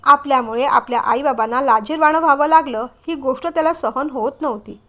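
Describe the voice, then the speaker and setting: A woman narrating a scripted emotional story in an expressive reading voice. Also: high voice, brisk.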